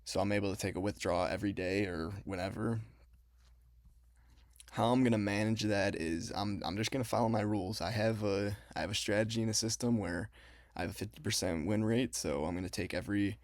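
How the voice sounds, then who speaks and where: A man's voice: fairly low pitch, fairly even intonation, fairly quick, no echo, clean studio sound. A young man talking casually in an explanatory vlog, his mouth numb after having a cavity filled. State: mouth numb from a dental filling. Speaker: trading vlogger.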